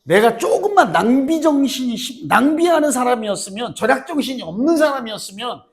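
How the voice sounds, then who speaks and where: A middle-aged man teaching English grammar to a high school class, joking and teasing students by name as he lectures. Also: brisk. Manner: teasing, animated, banters with students.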